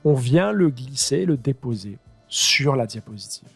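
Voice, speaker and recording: A man teaching his high school students how to use a piece of software, talking them through each click as he improvises. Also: animated, measured pace, gravelly, slightly rough, faint music behind. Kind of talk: screen-recorded software tutorial.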